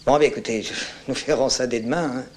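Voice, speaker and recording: An actor playing a calm, courteous army captain speaking on the telephone. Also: male voice, medium pitch, quick pace, close to an everyday voice. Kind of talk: film drama acting.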